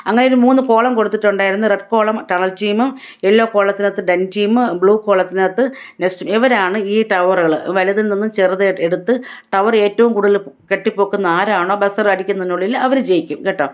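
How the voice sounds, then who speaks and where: A woman vlogger talks through a reality show episode at a rapid clip in a middle-pitched voice. She keeps her retelling chatty and casual, with frequent tag words, as she lays out who said what. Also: fairly even intonation, lo-fi sound. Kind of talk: casual episode recap narration.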